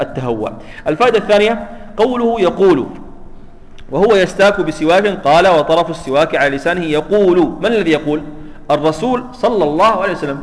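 A man's voice: fairly high pitch, big-room sound, low-quality recording. A man teaching a religious text lesson, explaining step by step and often checking that students follow. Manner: asks students "clear?" often, explains with repetition. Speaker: Islamic studies teacher. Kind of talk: hadith commentary lesson.

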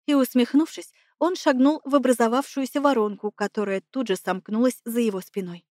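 A woman narrating a first-person fantasy audiobook in a steady, expressive reading. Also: fairly high pitch, a little fast, dry recording, clean studio sound.

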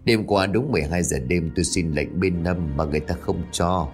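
A man voicing a frail old village spirit medium who speaks in a slow, weary murmur. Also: deep voice, faint music behind. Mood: weary, uneasy.

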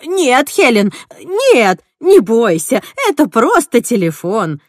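A woman reading an audiobook, voicing a frantic woman who tries to calm her monstrous sister in a shrill, pleading voice. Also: a little slow, no room sound, studio quality. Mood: coaxing. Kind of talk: audiobook character voice.

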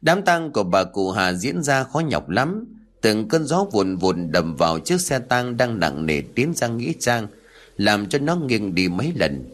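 A man narrating a horror story in a dramatic, expressive way. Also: mid-range voice.

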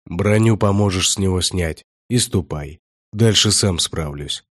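A man's voice: no echo, clean studio sound. A man doing a stern grey-haired warrior-prior. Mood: stern commanding. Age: older. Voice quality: deep bass. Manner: gruff, barking orders, slow and weighty. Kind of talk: audiobook character voice.

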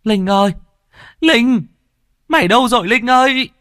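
A man voicing a frantic, tearful old grandmother who calls out in a high, strained wail. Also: normal speed, husky, no room sound, clean studio sound. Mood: panicked calling.

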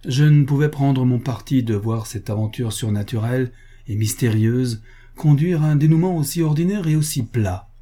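Husky, dark-voiced male storyteller. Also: medium pitch. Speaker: audiobook reader. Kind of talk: literary narration.

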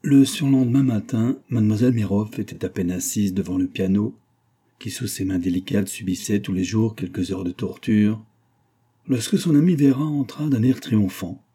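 A man narrating a classic novel as an audiobook in a measured, careful reading. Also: lowish voice, dark tone, husky.

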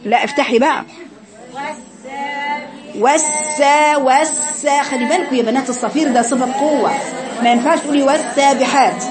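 A woman's voice: high-pitched, brisk, pauses often, music in the background, a crowd in the background. Egyptian woman coaching Quran recitation. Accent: Egyptian Arabic. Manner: coaching students, demonstrating sounds by repetition. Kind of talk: tajweed class instruction.

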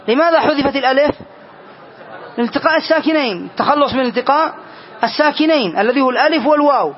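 A man teaching Arabic grammar in a classroom lesson, repeating key phrases and often asking his students if it is clear. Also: extremely high pitch. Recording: dull lo-fi lesson recording.

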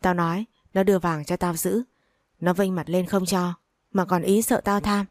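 A woman's voice: on the low side, flat delivery, normal speed, dry recording, clean studio sound, natural voice. A woman reading the lines of a greedy, spiteful older mother-in-law who scolds and curses. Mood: furious. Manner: scolding, cursing, sneering.

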